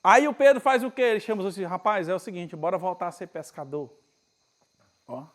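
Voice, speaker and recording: A man with a notably high voice preaches at a spiritual retreat, speaking with a northeastern Brazilian accent. He talks in an easygoing, conversational way and acts out Bible scenes in plain everyday speech. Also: fast. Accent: Brazilian Portuguese, northeastern. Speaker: pastor.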